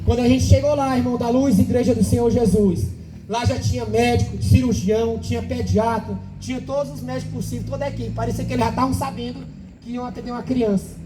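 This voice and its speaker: A man's voice: extremely high pitch, fairly even intonation, quick pace, music in the background, poor audio. A man preaching an emotional testimony at a church service, with a fervent, repetitive way of telling it.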